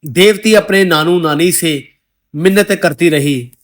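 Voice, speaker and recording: A man reading a sad moral story aloud as scripted narration, in a measured, solemn way. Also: a little high.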